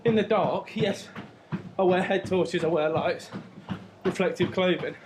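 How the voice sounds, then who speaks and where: A man's voice: high voice, a little slow. A man chatting casually to his vlog viewers while running on a treadmill at home. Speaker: vlogger. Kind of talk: casual chat to camera. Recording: clear background noise of treadmill, clicks.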